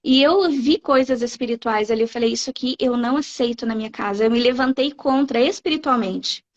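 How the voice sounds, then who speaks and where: Blunt, animated Brazilian woman. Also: fairly high pitch, a little fast. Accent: Brazilian Portuguese. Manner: animated, blunt, frequent "né?" tags. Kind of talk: emphatic preaching-style talk. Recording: dull lo-fi live stream audio.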